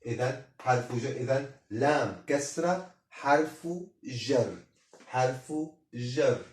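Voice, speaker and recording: A man's voice: medium pitch, a little mellow, reverberant, far from the mic. A man teaching an Arabic lesson in Arabic and French, repeating words and spelling them out vowel by vowel. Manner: slow, repetitive, drills each word syllable by syllable.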